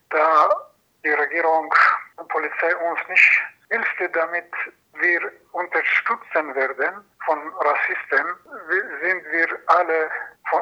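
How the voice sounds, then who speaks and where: Man, halting testimony, sharp bright tone, dull lo-fi recording. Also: a little high. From Iran. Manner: halting, non-native phrasing with restarts. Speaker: asylum seeker. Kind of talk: personal testimony.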